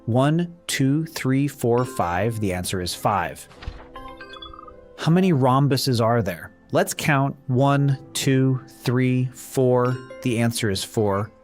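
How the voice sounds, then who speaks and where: Guy teaching little kids to count, slow and bouncy, soft music behind. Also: medium pitch, expressive. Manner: slow, sing-song counting with questions and answers. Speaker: children's math teacher. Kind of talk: counting lesson for young children. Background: faint background music.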